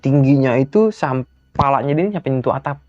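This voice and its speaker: A young man with a Jakarta colloquial accent, casually telling a ghost story as an interview guest and acting out every voice in it with big jumps in pitch. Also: moderate pace, no room sound. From Jakarta, Indonesia. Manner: animated, acts out quoted dialogue with sharp pitch jumps. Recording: dull dry recording with faint music.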